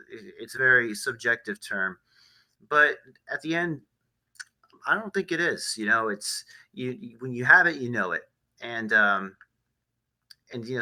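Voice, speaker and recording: Bright, halting man hosting a podcast. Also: medium pitch, poor audio. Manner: halting, many fillers and restarts. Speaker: podcast host. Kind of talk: casual discussion podcast.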